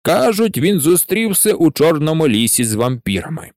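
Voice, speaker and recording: A man's voice: a little high, sing-song, moderate pace, a little mellow, no room sound, clean studio sound, pitched above the performer's own voice. A man doing a hearty giant. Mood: friendly. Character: big warm male giant, folksy dialect.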